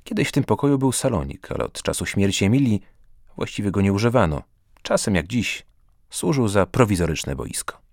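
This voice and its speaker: A man narrating a story in an expressive scripted reading. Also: fairly low pitch, fairly quick, vocal fry, no echo, clean studio sound. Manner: expressive, first-person guardian-angel narrator. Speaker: audiobook narrator.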